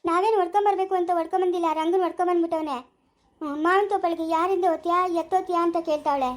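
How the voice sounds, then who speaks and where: Soft-hearted poor village woman, 30s, really high voice, teary and pleading, woman acting. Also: fairly even intonation, very fast. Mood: hurt tearful. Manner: pleading, tearful. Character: poor orphaned village woman, 36, gentle and hurt. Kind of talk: village family short drama.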